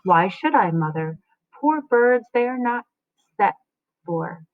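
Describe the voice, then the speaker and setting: A woman reading the lines of a witty young boy who asks quick, cheeky questions. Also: mid-range voice, animated, no echo. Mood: questioning. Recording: tinny phone-like dry sound.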